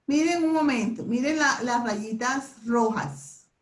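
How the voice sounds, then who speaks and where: Woman, fairly high voice, classroom teacher, step-by-step explaining, echoey room. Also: slow pace. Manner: explains step by step, leads group recitation. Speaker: Bible memorization teacher. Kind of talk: classroom lesson.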